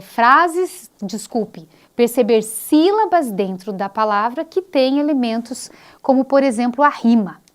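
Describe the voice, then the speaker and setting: Didactic Brazilian woman teaching online. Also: sits high. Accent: Brazilian Portuguese. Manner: clear, didactic, stretches example words. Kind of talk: video lecture for teachers.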